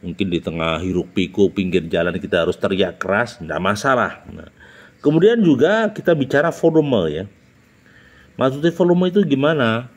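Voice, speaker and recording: Lively, emphatic man. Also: moderate pace. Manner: emphatic, jumps up in pitch to announce each numbered point; rhetorical questions, frequent "nah" and "ya". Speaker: public speaking teacher. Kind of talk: instructional talk.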